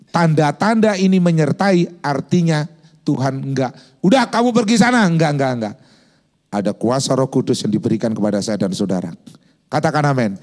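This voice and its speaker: A male pastor preaching a sermon in a lively storytelling manner, acting out quotes and sound effects. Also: mid-range voice.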